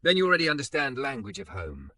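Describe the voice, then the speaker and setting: Gentle patient immigrant guy read by a male narrator, soft, measured, bright tone. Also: medium pitch, huge pitch swings, dry recording, pitched above the performer's own voice, heavily acted. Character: calm patient immigrant man, gently teasing.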